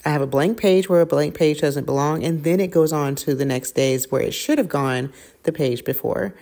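A woman's voice: deep voice, moderate pace, mellow. A middle-aged woman vlogging casually at home, chatty and self-correcting with many fillers, recorded on a camera at her dining table. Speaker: lifestyle vlogger. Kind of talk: casual vlog chat. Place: home dining room, indoors.

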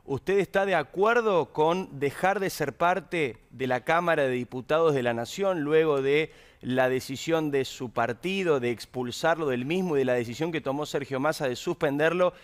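An Argentine man, a news anchor, asking formal, deliberate interview questions in a TV studio. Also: fairly high pitch.

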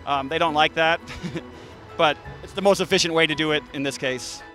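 A beekeeper in his thirties talks casually outdoors by the beehives in a garden, explaining things to an interviewer through a handheld mic. His voice is on the high side and his pace is moderate, and he sounds relaxed, restarting often and using lots of fillers. Soft music plays in the background.

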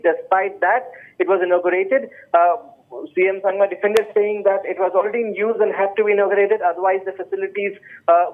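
A male news editor giving live analysis by phone, measured and full of fillers. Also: high voice. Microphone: phone line. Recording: tinny phone line.

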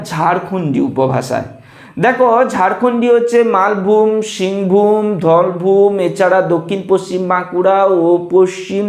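A male teacher giving a lecture on dialects, repeating example words slowly as he explains them. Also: high-pitched, reverberant.

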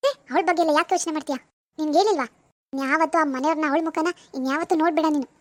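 A woman voicing a bossy, scornful middle-aged mother in an animated village drama. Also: high voice, very fast, natural voice. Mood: soothing. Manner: bossy, contemptuous.

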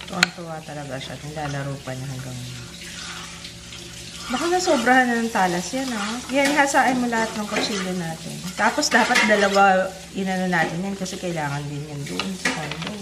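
A woman's voice: medium pitch, expressive, a little fast, very noisy. A woman in her thirties from the Philippines, chatting casually to the camera in a family home vlog. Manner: chatty, talks to camera and family, mixes Tagalog and English. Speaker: family vlogger. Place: large home kitchen indoors. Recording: clear kitchen sounds behind.

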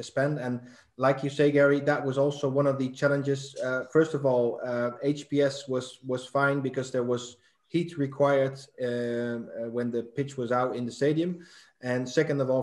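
A middle-aged man hosts a live online talk show from a webcam, speaking in a flat, even tone. His voice carries a roomy echo, and he leans on fillers and repeated words as he explains. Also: medium pitch. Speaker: host. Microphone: webcam on video call.

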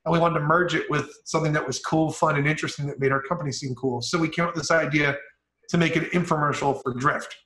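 A man's voice: fairly high pitch, steady tone, fast talker, fairly bright tone, reverberant, rough recording. A man, a marketing executive, telling an upbeat story as an interview guest on a video call. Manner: upbeat, eager storyteller with casual fillers.

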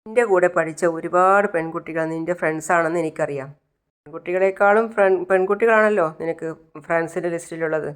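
A woman voicing a suspicious, sharp-tongued young wife. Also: fairly low pitch, steady tone, quick pace, clear, resonant tone, natural voice.

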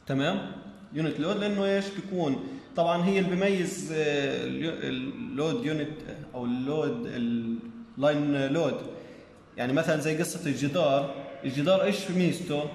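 A man's voice: a little high, brisk, gravelly, a little mellow, a little hiss or hum. Man lecturing in an echoey room. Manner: explains step by step, often checks with "تمام؟". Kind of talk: recorded engineering lecture. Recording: echoey room with long reverb.

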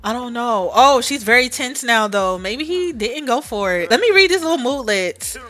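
Lively, bright-voiced young woman gamer. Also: fairly high pitch, moderate pace. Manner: animated, reacts loudly, slangy asides, voices sims in quotes. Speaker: gaming channel host. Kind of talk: casual let's-play commentary.

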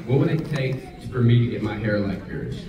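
A man's voice: mid-range voice, lively intonation, fairly quick. A man fan asking the panel a question in a friendly, casual way. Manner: friendly, casual, calls people brother. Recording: very echoey hall, far from mic, loud crowd.

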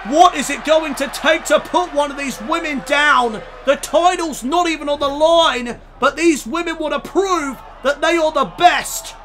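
A man shouting excitable wrestling play-by-play commentary over a video game, straining his voice as he goes. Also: extremely high pitch, unhurried, few pauses, soft background music, some chatter behind. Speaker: YouTube gaming commentator.

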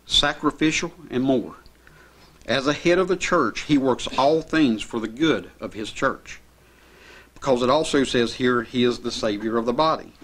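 A middle-aged man delivers a sermon from behind a pulpit microphone in a small chapel. He reads scripture passages in an earnest, steady manner and explains them at an even, measured pace. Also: mid-range voice. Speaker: preacher. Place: small church chapel indoors. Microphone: pulpit mic.

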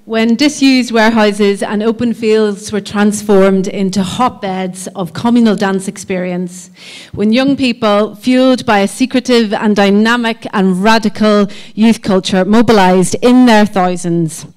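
A woman presenting her company's show at an arts conference, hesitant, with many pauses and ums. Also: medium pitch, fairly even intonation, a little mellow, smooth. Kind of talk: live pitch at an arts conference.

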